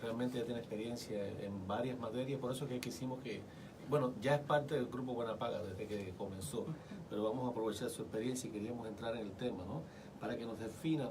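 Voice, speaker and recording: A man's voice: medium pitch, fast talker, distant mic, noisy background. A man co-hosting a radio talk show who asks probing, thoughtful questions. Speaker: radio co-host.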